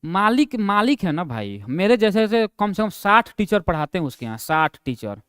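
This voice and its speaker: A young man teaching an online class, chatting through his stories in a high, smooth voice. He laughs easily at himself and drops into a low mumble when he quotes others. The sound is close and dry, with no room in it. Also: big pitch swings, normal speed, fairly bright tone, no echo. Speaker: online exam-prep teacher. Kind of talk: casual classroom storytelling.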